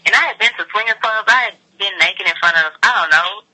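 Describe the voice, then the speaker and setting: A woman's voice: mid-range voice, quick pace, sharp tone, rough recording. A woman speaking over the phone in a casual interview, chatting informally as a guest sex educator with frequent filler "like". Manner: informal, peppers speech with "like". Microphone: telephone call.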